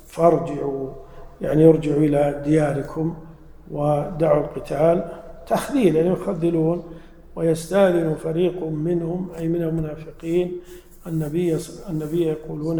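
A man delivering a religious lesson, posing questions to his listeners before answering them. His voice sits a little high but sounds mellow and warm. It rings out with long reverb in a big, roomy hall, with faint ambient noise underneath. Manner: asks the audience questions and then answers them. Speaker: religious teacher.

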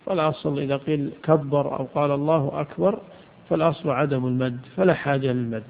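A man's voice: a little high, steady tone, fast talker, gravelly. A man teaching a religious lesson on jurisprudence, posing questions and answering them himself. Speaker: Islamic scholar teaching jurisprudence. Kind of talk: religious lesson explaining a legal text. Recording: tinny phone-like lo-fi recording.

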